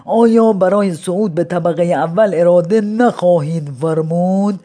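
A reader voicing an old man, a retired politician, who speaks slowly in flowery formal phrases. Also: mid-range voice, warm tone, lightly acted. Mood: ceremonious. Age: older. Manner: slow, flowery, formal address.

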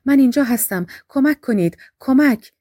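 A woman's voice: high-pitched, animated, mellow, slightly rough, no echo, clean studio sound, pitched above the performer's own voice, exaggerated voice. Woman doing a frightened trapped young woman. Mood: desperate. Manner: tense whispered inner thoughts, then desperate cries for help.

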